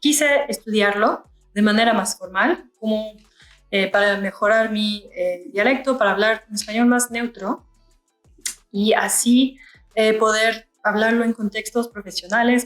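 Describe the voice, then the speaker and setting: A woman's voice: mid-range voice, normal speed, fairly bright tone, reverberant, soft background music. A young woman from Canada chatting casually while doing her makeup, musing aloud with many fillers. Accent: France-style French learned in Canada. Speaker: beauty vlogger. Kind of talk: casual get-ready-with-me chat.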